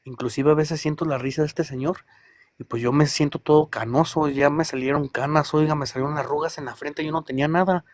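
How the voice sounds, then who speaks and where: A man's voice: on the high side, steady tone, fairly quick, a little mellow. A man, calling in to tell a personal experience, rambling and hesitant as he talks straight to the listener. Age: 30s. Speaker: caller.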